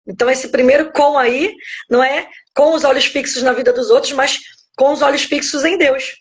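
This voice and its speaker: A woman's voice: sits high, fairly even intonation, moderate pace. A middle-aged woman pastor with a Brazilian Portuguese accent, giving a reflective devotional teaching from home over a phone on a live stream, checking in with her listeners as she goes. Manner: reflective, explains step by step, keeps checking in with "né?". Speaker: pastor and guest speaker.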